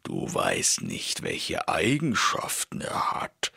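A man voicing a pair of quarrelling male giants in a fairy tale, speaking slowly and heavily. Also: extremely low pitch, huge pitch swings, vocal fry, sharp tone, husky, no echo, clean studio sound, pitched below the performer's own voice, exaggerated voice. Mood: plodding. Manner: slow, heavy, drawn-out delivery. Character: two slow, lumbering male giants quarrelling.

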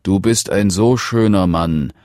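A man's voice: low voice, measured pace, darkish tone, no echo, studio quality. A man voicing an old fairy-tale king, kindly but suspicious, in a storybook reading. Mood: commanding.

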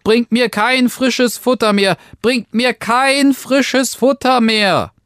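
A man voicing a tiny, plucky boy hero who calls out loudly in a high voice. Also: slow, clean tone, no echo, clean studio sound, heavily acted. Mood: pleading. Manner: high, loud, pleading calls.

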